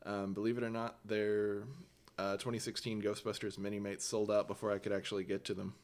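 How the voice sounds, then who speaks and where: Low-voiced joking man on a podcast. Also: little pitch movement, a little fast, a little mellow. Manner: joking, laughs often. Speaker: podcast co-host. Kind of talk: casual movie chat.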